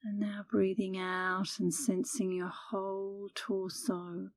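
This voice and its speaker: Close to the mic, a middle-aged meditation instructor leads listeners with an unhurried, calm, soothing manner. She speaks at a medium pitch in a recording with no room sound.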